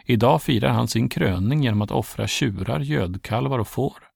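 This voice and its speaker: A man's voice: mid-range voice, vocal fry, a little mellow, no echo, studio quality. A man voicing a court prophet in a Bible storybook reading, speaking urgently and persuasively. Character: bold court prophet urging action.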